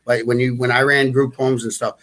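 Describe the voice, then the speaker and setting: A man's voice: medium pitch, flat delivery, a little fast, a bit bright. A middle-aged man with a New England accent talks in a casual live-stream chat. He circles and restarts his sentences and scatters fillers and small chuckles as he goes. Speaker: guest.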